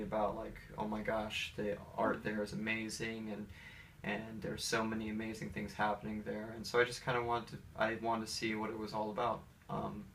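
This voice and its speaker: A pianist in his thirties from Atlanta, United States, answers interview questions in a fairly low, fairly bright voice with an American accent. He talks casually and hesitantly, rambling in a personal way, recorded through a distant mic with faint background noise.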